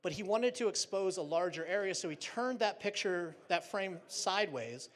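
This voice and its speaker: A man's voice: high-pitched, lively intonation, normal speed, a bit bright. A man giving a casual, chatty presentation with slides on stage at a live trade show, joking lightly between fillers.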